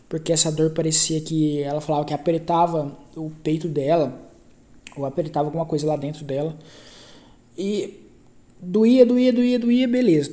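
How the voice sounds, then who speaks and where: A man's voice: sits high, mellow. A man with a Brazilian Portuguese accent hosting a podcast, telling a story in a casual, rambling way, often restarting and repeating himself. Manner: rambling, self-correcting, repeats phrases, slangy. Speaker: podcast host.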